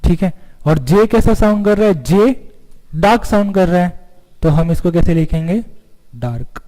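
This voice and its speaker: High-voiced man teaching with questions. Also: animated, dark tone. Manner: asks the class questions and answers them himself; drawn-out single letters. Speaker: stenography teacher. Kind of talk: online lesson at a notebook. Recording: long hall reverb.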